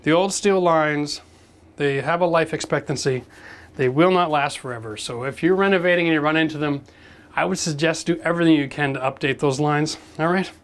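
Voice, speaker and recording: Speaking briskly in a slightly high voice, this renovation host in his forties walks viewers, whom he calls folks, through a practical how-to. He's direct and hands-on, standing in a gutted bathroom of an old brick building.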